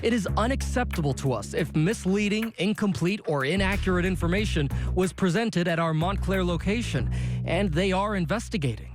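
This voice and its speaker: A man with a high-pitched voice reads a scripted TV news investigation as its reporter. Clear background music runs under his narration. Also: animated, a little fast.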